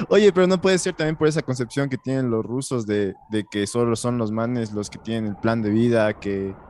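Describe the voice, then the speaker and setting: A man co-hosting a casual chat, relaxed and thinking aloud as he asks. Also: mid-range voice, normal speed, a little hiss or hum. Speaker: co-host.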